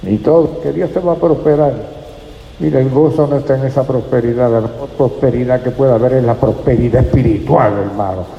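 Gravelly-voiced preacher in an echoey hall. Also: male voice, medium pitch, fairly quick, highs cut off. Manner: earnest, addresses listeners as brother. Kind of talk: sermon. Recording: echoey hall with faint ambience.

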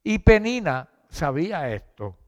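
A man's voice: fairly high pitch, very animated, unhurried, big-room sound, highs cut off. A man preaching a sermon in a conversational, joking way, calling his listeners brother and sister.

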